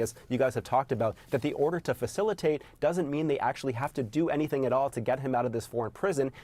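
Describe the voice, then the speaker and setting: A male reporter walks through a fact-check in a measured, organized news delivery. His voice sits at an ordinary middle pitch as he lists points in order. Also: a little mellow. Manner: brisk, methodical, enumerating points.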